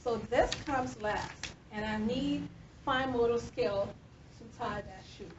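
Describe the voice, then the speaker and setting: A woman in her fifties giving a lively classroom lecture, quizzing her students as a nursing instructor. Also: a little high, slow. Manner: animated, questioning the class. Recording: dull lo-fi classroom recording with faint noise.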